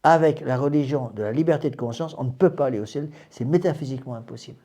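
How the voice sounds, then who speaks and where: Emphatic priest with a mellow voice. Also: male voice, mid-range voice, fast. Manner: emphatic, repeats words and restarts phrases. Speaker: priest giving a class. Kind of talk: doctrinal lecture to a small group.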